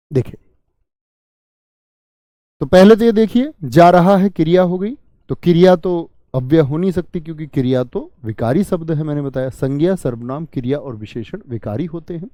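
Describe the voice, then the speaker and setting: A man's voice: fairly high pitch, warm tone, no room sound. A man teaching an online grammar class. He keeps asking his students questions and then answers them himself. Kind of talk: online exam-prep grammar lesson.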